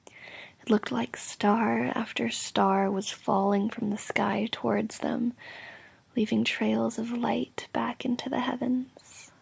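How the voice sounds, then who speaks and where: A woman doing a whispered role-play as an affectionate, sleepy girlfriend, speaking softly, drowsily and intimately in a breathy whisper with creaky edges. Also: fairly high pitch, level tone, slow pace, no echo. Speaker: roleplay audio performer playing a sleepy girlfriend.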